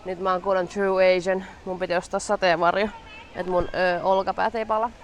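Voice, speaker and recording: A young woman from Finland chatting casually in a travel vlog outdoors at an amusement park, excitable and slangy, mixing in English words, recorded on a handheld camera. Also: on the low side, dull audio, slight background noise. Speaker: travel vlogger.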